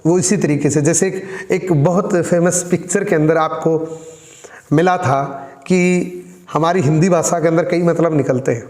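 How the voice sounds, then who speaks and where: A man's voice: a little high, moderate pace, a little mellow. A man giving a spoken communication-skills lesson, addressing listeners as friends and showing how tone changes the meaning of the same words. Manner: demonstrates tone by repeating the same lines in different ways. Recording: roomy echo with long reverb.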